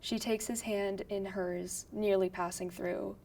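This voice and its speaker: A woman reading the stage directions of a script in a plain, even way. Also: mid-range voice, unhurried, vocal fry, far from the mic.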